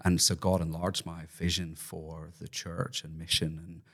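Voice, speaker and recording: Low-voiced Irish man in conversation. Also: flat delivery, measured pace. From Ireland. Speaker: podcast guest, ministry worker. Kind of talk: conversational interview.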